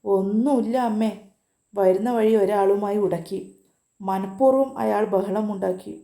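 A pampered young college woman who pouts and answers irritably, read by a woman telling a story. Her voice is very dark and mellow, heard in a roomy, echoing space. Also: mid-range voice, fairly even intonation, unhurried, close to an everyday voice. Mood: sulky. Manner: pouting, irritable. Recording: roomy echo.

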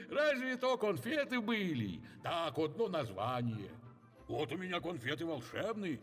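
A man's voice: high-pitched, big pitch swings, a little slow, soft background music. A man voicing a sly, theatrical old Father Frost in a visual novel game. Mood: sly jolly.

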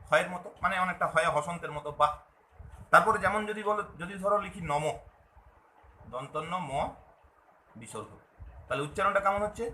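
A man's voice: high-pitched, pushed and bright, echoey room, a little hiss or hum, low-quality recording. A man giving a video lesson to viewers, patiently explaining and repeating, often asking a question and then answering it himself. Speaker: Bengali language teacher.

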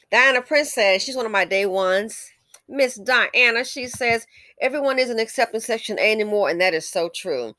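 An American woman hosts a commentary channel, reading out comments and responding with blunt, scolding opinions, emphatic conversational asides and rhetorical questions. Her voice is fairly high and a bit bright, with no echo.

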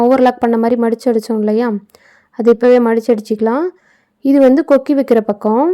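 A woman's voice: fairly high pitch, warm tone. A woman giving a casual, explanatory voice-over for a sewing tutorial, with chatty asides. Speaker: tailoring channel host. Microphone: phone.

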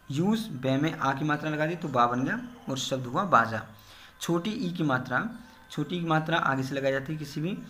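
A man's voice: on the high side, sharp tone. A male teacher giving a grammar lesson, explaining step by step and repeating key terms in English. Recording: echoey room.

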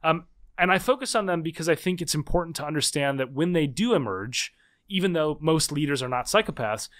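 This thirty-something author, appearing as a podcast guest, talks animatedly in a somewhat high, fairly bright voice. He explains at length during the interview, speaking fast and often restarting or repeating words.

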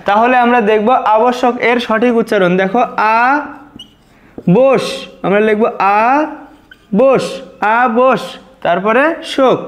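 Man, high voice, patient teacher, breaks words into syllables. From Bangladesh. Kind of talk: spoken exam-prep lesson.

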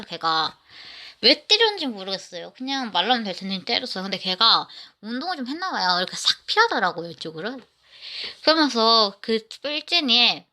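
A woman tells a story in the first person, circling back and restarting her sentences as she goes. Her voice is bright and sits at an ordinary middle pitch. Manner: rambling, with many restarts.

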